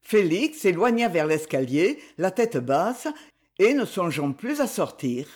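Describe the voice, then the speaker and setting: A woman narrating a novel aloud in an expressive reading style. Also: on the low side, unhurried.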